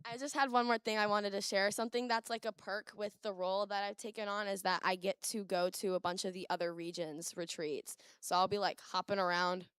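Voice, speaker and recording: A woman's voice: medium pitch, fairly even intonation, fairly quick, hardly any pauses, a bit bright, clear, resonant tone, no room sound. A young woman casually sharing news at a church service, using "like" often. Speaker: church member.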